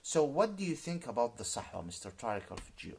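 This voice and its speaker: A man of about forty in a ranting YouTube monologue, halting and repetitive, swinging between shouted outbursts and low muttering. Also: very animated, vocal fry, breathy edge.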